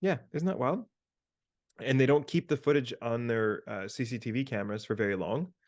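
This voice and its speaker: This podcast co-host, joining by video call, has a mid-range voice and a brisk pace. He meanders easily through a personal anecdote and some advice for listeners, sprinkling in plenty of filler words.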